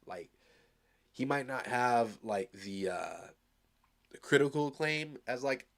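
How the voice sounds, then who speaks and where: Reacting to a new song live, this Arizona man rambles upbeat and filler-heavy in a casual way. His mid-range voice has lively intonation but moves slowly, with a creaky quality.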